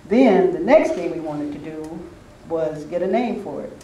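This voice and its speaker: Looking back on his memories, an older man gives a relaxed, anecdotal talk to a group at a spiritual retreat. His pitch is fairly high and his tone warm, and he is expressive while speaking a little slowly. The recording is roomy, taken from a distant mic with faint noise.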